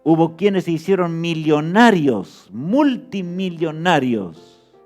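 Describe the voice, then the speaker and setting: A man's voice: fairly high pitch, sing-song, slow, a little mellow, soft background music. A man preaching a sermon with fervor, often asking his listeners rhetorical questions.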